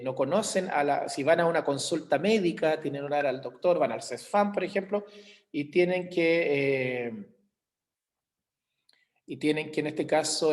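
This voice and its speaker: A man with a Chilean accent teaching an online class, explaining with everyday examples and checking in with his students. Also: fairly high pitch. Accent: Chilean Spanish. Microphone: computer mic on a video call.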